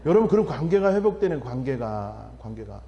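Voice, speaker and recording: A middle-aged male pastor giving a revival sermon, swinging between loud and soft, acting out family conversations. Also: medium pitch, sing-song, a little fast, muffled recording, a little hiss or hum. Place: church sanctuary. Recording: church hall reverb.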